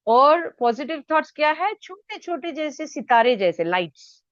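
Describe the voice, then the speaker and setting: A woman's voice: high voice, very animated, measured pace, dry recording, highs cut off. A woman giving an unscripted talk on spiritual healing, mixing English phrases into Hindi and repeating words for emphasis.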